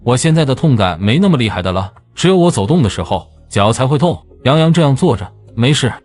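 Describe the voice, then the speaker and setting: A man's voice: mid-range voice, sing-song, quick pace, darkish tone, faint music behind. An actor playing a kind, injured man who talks to a child in a reassuring way.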